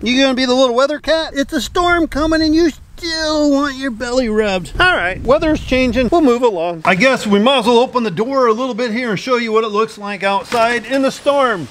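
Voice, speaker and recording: A man's voice: extremely high pitch, fairly bright tone. A middle-aged man farming outdoors, joking and talking playfully on camera. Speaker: farmer. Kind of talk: casual vlog talk. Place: outdoors on a farm.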